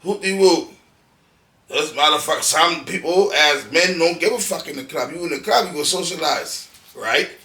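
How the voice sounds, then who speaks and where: A man's voice: on the high side, expressive, normal speed, sharp tone, far from the mic. A man speaking as a podcast guest, telling blunt, profane stories and acting out quotes in casual conversation. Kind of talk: casual interview chat. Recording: echoey room, off-mic.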